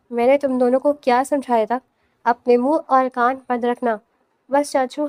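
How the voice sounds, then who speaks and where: High-voiced woman narrating a novel. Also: a little mellow, dry recording. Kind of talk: scripted audiobook narration.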